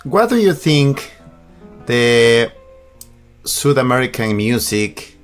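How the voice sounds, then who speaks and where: Slow, hesitant Ecuadorian interviewer. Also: male voice, mid-range voice, very animated, faint music behind. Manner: broken, hesitant questions.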